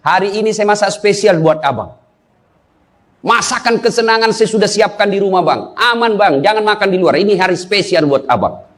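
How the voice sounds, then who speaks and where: A woman's voice: medium pitch, animated, moderate pace, voice pushed down, lightly acted. A man doing a sweet, coaxing young wife. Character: adoring young wife texting her husband.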